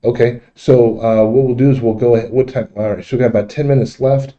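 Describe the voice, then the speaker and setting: A man hosting a casual, unscripted livestream, speaking in a halting, repetitive way, recorded in dull, muffled audio. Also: medium pitch, fairly even intonation, mellow. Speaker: livestream host.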